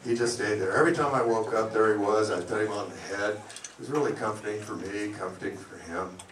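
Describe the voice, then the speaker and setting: A middle-aged man doing a stand-up comedy set, delivering deadpan one-liners. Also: on the low side, fairly quick, distant mic. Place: comedy club lounge. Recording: echoey club, mic heard from afar, loud noise. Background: audience laughter.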